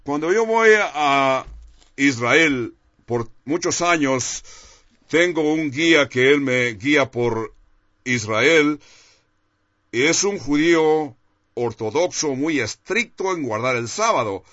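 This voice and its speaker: A man's voice: fairly high pitch, lively intonation, takes it slowly, a bit bright, no echo. A man preaching a sermon and telling a personal testimony in an earnest, confessional way. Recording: dull, dry, lo-fi sound.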